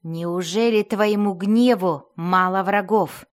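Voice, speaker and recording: A woman's voice: medium pitch, slow pace, lightly acted. Woman voicing a cold, defiant young warrior. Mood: mocking.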